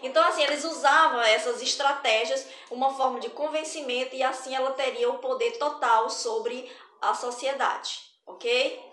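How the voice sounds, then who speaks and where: High-voiced woman teaching, roomy echo. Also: moderate pace, a bit bright. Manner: chatty and explanatory, frequent hesitations and restarts. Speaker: arts teacher. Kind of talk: explaining a recorded lesson.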